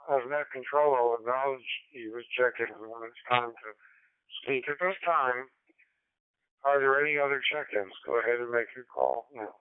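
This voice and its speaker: A man's voice comes through a thin, narrowband digital radio link with no room sound around it. He runs the net as control operator, calm and procedural, repeating calls for check-ins. His tone is clean and smooth in spite of the tinny channel. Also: medium pitch, dry recording. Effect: heard over a digital radio link.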